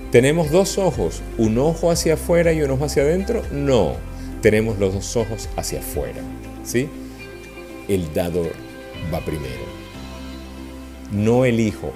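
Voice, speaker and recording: A man preaching a sermon to a congregation, checking in with them as he goes. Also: lowish voice. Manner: animated, asks the congregation questions.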